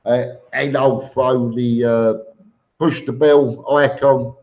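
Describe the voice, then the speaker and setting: A man hosts a casual live stream in an unhurried, blunt and matey way, reading out comments and replying. His pitch sits in an average male range and his pace is slow. The audio is slightly dull and lo-fi. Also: steady tone, a little mellow. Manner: informal and blunt, calls listeners mate.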